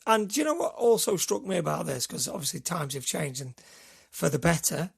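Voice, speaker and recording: Guy around middle age, real raspy, kinda high voice, just chatting away and going off on tangents. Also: animated, brisk. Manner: chatty, rambling storyteller. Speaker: podcast co-host. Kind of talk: casual chat.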